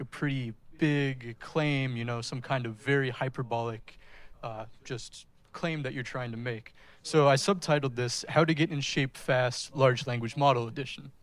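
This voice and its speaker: Guy giving a tech talk in front of an audience, talking right to the room, medium pitch. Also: steady tone, moderate pace. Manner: presenting in front of an audience, addressing listeners directly. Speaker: speaker giving a technical talk. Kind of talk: conference-style presentation to an audience.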